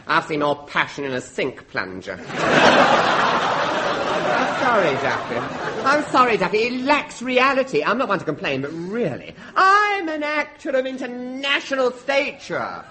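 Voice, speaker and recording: This is a vain comic sidekick who puts on pompous airs and then drops into coarse grumbling. His voice is high and very lively, and the old broadcast tape hisses behind him. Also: a little slow, exaggerated voice. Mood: indignant. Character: vain, touchy male comic sidekick actor. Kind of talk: radio comedy acting. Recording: hissy broadcast recording with studio audience.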